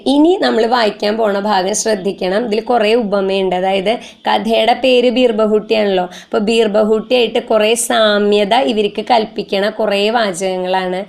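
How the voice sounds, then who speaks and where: A woman teacher explaining a story line by line for an exam, reading passages slowly, then explaining them and asking and answering her own questions. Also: mid-range voice, gravelly, darkish tone. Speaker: Hindi teacher.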